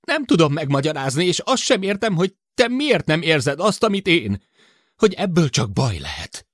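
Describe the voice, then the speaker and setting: A man's voice: fairly high pitch, big pitch swings, no room sound, studio quality, voice pushed up. A man reading an audiobook voices a frightened male spaceship crewman, pleading and urgent. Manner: urgent, imploring, sullen when grumbling.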